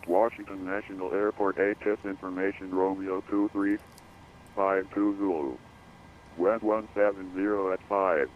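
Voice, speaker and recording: An automated male voice reading an airport weather and runway information broadcast over radio, in a flat, repetitive readout. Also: deep voice, moderate pace. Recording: dull lo-fi radio feed with faint hiss.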